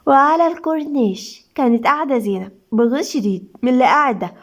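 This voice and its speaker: A woman's voice: sits high, fast talker. A woman with an Egyptian accent, a storyteller and channel host, reading a serialized love story with dramatic cues. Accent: Egyptian Arabic. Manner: dramatic, reads out stage cues. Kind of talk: scripted narration of a serialized story.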